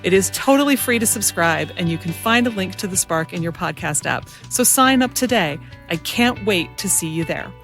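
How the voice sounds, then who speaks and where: This creativity coach hosts her podcast in a polished, scripted presenter manner, opening the show and conducting an interview. Her fairly low voice is animated and runs at a normal pace with hardly any pauses, while music plays underneath.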